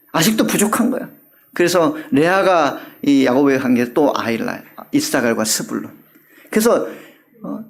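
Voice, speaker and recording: A male pastor giving an animated sermon, often asking the congregation questions. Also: on the high side.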